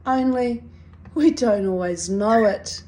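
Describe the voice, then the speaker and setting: A middle-aged woman with a strong New Zealand accent reads her own personal writing aloud in a wry, deliberate, dramatic way. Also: on the high side, darkish tone, slight background noise. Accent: strong New Zealand (Kiwi). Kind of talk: expressive reading of personal confessional prose.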